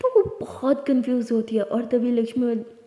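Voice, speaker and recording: High-voiced chatty woman storyteller. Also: fairly even intonation, normal speed, mellow. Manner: chatty, with conversational asides. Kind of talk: casual story narration. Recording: echoey room with long reverb.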